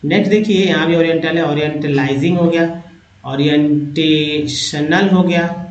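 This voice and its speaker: Slow, echoey male teacher sounding out words. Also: fairly high pitch, fairly even intonation, muffled recording. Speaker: English teacher. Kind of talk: reading word list aloud, explaining word parts.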